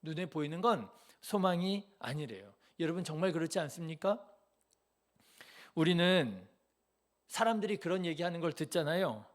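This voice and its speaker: A male pastor delivers a Sunday sermon in a church in a noticeably high voice. He talks earnestly and keeps asking the congregation rhetorical questions. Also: animated, normal speed. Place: church sanctuary.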